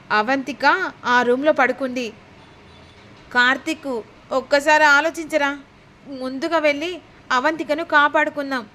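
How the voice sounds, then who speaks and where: Lady doing a worried old granny in a serial retelling, high voice, scolding and urgent. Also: fairly bright tone, slight background noise. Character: anxious scheming old grandmother.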